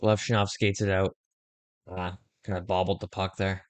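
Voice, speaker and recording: A young man hosting a fan watch-along stream, giving casual play-by-play and chat with quick excited reactions. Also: low voice, smooth, no room sound. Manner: conversational, reacts excitedly to plays, uses fillers like "like".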